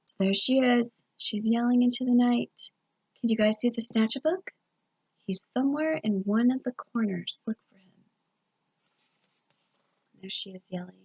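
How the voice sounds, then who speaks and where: A woman librarian reading a picture book aloud to children, with expressive sing-song storytelling and questions to her young listeners. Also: fairly high pitch, normal speed, pauses often, breathy edge, no echo, low-quality recording.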